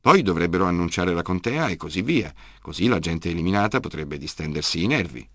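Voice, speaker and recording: A man's voice: sits low, animated, brisk, fairly bright tone, husky, no room sound, studio quality, exaggerated voice. A man voicing a fretful adult mother in an audiobook reading, raising his voice for her. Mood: complaining. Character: fussy mother, adult woman, anxious to smooth things.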